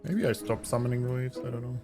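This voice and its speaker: A man giving casual gameplay commentary, thinking aloud with hesitant pauses. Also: medium pitch, steady tone. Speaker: gamer commentating on own play. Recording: faint game music behind voice. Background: video game music and unit voices.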